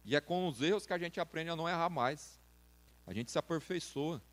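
A man's voice: a little high, fairly quick, fairly bright tone. A man preaching to a youth service in a casual, slangy way, speaking straight to his listeners. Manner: informal, slangy, direct address to listeners. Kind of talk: sermon.

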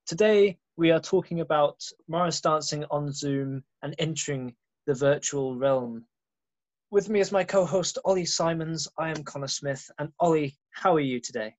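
A man's voice: fairly high pitch, normal speed, darkish tone, low-quality recording. A man co-hosting a podcast, chatting casually with dry, teasing remarks. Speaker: podcast co-host.

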